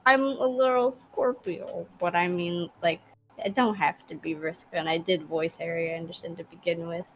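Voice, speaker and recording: A woman's voice: on the low side, steady tone, normal speed, a little hiss or hum, poor audio. A woman chatting and joking casually on a group voice call.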